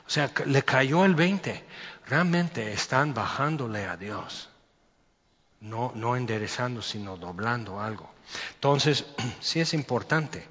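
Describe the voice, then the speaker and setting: Mexican preacher in a reverberant hall. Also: male voice, mid-range voice, animated, slow pace, fairly bright tone. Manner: conversational, explains verses with rhetorical questions. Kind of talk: sermon with scripture reading. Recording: dull lo-fi sound with long hall reverb.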